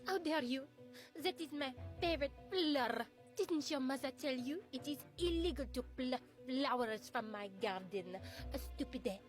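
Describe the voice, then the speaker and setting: Woman voicing a bratty rich teen girl, high and snotty, loud. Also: very animated, moderate pace, hardly any pauses, faint music behind. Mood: cruel, bratty. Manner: shrill and snotty.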